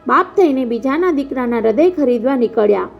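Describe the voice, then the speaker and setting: A woman's voice: high-pitched, animated, a little fast, gravelly, exaggerated voice. Bitter furious grieving father, as a woman reads him. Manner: scornful, cutting. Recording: dull lo-fi with faint music.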